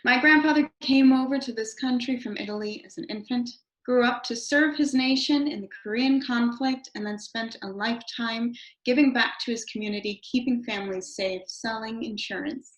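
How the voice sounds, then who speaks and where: A woman's voice: a little high, normal speed, hardly any pauses. Woman in a roomy, echoing space. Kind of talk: scripted personal statement.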